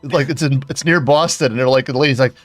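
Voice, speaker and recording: A man's voice: mid-range voice, quick pace, no echo, soft background music. A man in casual chat who jokes, swears and laughs a lot. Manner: joking, laughs often, swears. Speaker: co-host.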